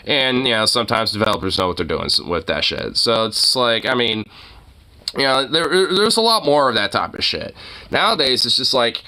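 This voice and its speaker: A man giving casual, off-the-cuff streamer commentary, rambling and halting, with plenty of loose swearing. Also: mid-range voice, big pitch swings, bright, forceful tone.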